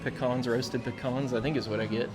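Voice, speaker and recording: An American man chats casually in an on-location vlog at a theme park, moving through shop and outdoor food areas, with an enthusiastic, folksy manner. His voice is medium-pitched and fairly quick with fairly even intonation, and music and outdoor park sound play behind him.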